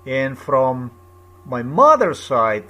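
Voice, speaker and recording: A man's voice: medium pitch, very animated, slow, bright, forceful tone, faint music behind. A man from Slovenia with a Slovenian accent, speaking to camera in an insistent, repetitive, lecturing monologue. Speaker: video blogger.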